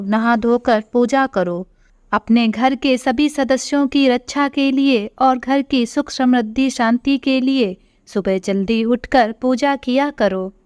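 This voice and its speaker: A woman's voice: on the high side, a little mellow, clear, resonant tone, no echo, studio quality. A woman reading as a spoiled complaining daughter. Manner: whiny, resentful. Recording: dull lo-fi recording.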